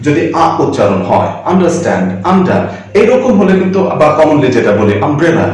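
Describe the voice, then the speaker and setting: A man teaching English grammar, slowly repeating words and answering his own questions. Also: a little high, wildly swooping pitch, darkish tone, far from the mic. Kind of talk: classroom grammar lesson. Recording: very echoey room, voice away from the mic.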